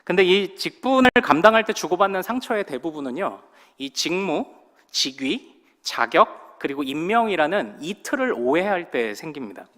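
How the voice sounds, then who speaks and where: A man preaching a sermon as pastor, telling stories with lively delivery and acting out the voices of the people he quotes. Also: a little high, moderate pace. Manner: animated storytelling, acts out quoted voices. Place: church sanctuary. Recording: long hall reverb in a church.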